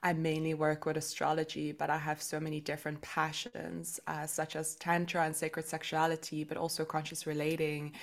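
A woman's voice: sits low, completely flat delivery, normal speed, few pauses. A woman explaining her work as an interview guest, in informal, reflective, conversational speech. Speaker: podcast guest, astrologer and spiritual guide. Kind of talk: casual explanatory interview talk.

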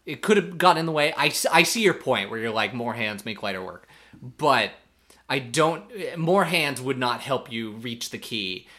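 A man chats casually as a podcast co-host, breaking down a reality show episode. His voice is bright and forward at an ordinary pitch. He is opinionated and keeps slipping into quoted asides. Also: animated, normal speed. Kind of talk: casual recap chat.

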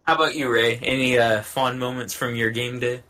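A man's voice: medium pitch, fairly even intonation, normal speed, bright, forceful tone. A man hosting a casual podcast, prompting his guests with questions and upbeat asides. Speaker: podcast host. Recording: dull lo-fi audio.

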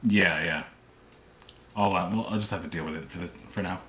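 Deep-voiced man on a crackling, popping mic. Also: a little fast, fairly bright tone, roomy sound. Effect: mic crackling with static and popping. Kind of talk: casual chat.

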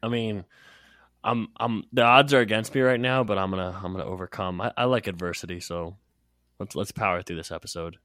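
Stuffy-nosed guy with a really deep voice, jokey podcast cohost, stammers a bit. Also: steady tone, fairly quick, fairly bright tone, dry recording, studio quality. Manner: joking, stammers into sentences. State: nasal, getting over a cold. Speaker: podcast co-host. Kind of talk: casual sports podcast chat.

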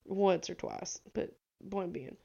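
A woman's voice: lowish voice, fairly even intonation, slow pace, gravelly, muffled recording, background noise. A young woman from the American South with a Southern accent, co-hosting a podcast and telling a story in a rambling, giggly way. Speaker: podcast co-host. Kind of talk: casual chat.

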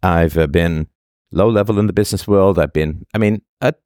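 A man's voice: low voice, moderate pace, a little mellow, clean tone, dry recording, clean studio sound. A man hosting a solo philosophical monologue, emphatic, repeating key phrases and drawing out words. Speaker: podcast host.

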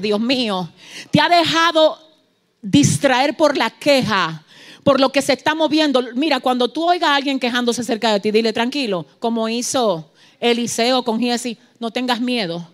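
A woman preacher, giving a fervent sermon that swings from soft asides to shouted peaks and acts out quoted dialogue. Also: high-pitched. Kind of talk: Pentecostal-style sermon.

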